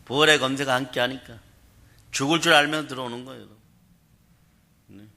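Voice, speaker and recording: Bright-voiced male pastor preaching emphatically. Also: medium pitch, fairly even intonation, moderate pace. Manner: emphatic preaching with frequent call-outs to the congregation. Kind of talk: sermon.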